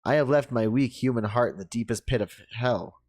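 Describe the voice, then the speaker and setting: Man voicing a video game detective, fake vampire persona, pompous, theatrical, mid-pitched. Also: a little fast, darkish tone, natural voice. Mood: grandiose. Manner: grandiose, theatrical declamation. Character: male detective hamming up a pompous immortal vampire. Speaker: detective hero of a story game.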